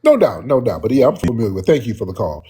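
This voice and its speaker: A man's voice: mid-range voice, sing-song, fast, mellow, breathy edge. A man hosting a casual livestream call-in, rambling and searching for words while he is under the weather. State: under the weather, lozenge in mouth.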